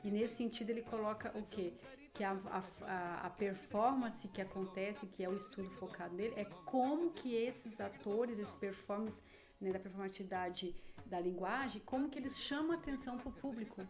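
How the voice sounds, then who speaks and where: A woman's voice: medium pitch, moderate pace, darkish tone. A woman presenting in a seminar, explaining theory and asking herself rhetorical questions. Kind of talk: academic explanation.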